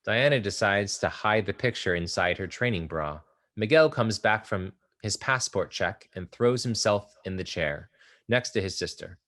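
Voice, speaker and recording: As narrator at a play's table read, a man steadily reads out the stage directions in a very low voice. Faint music plays beneath him.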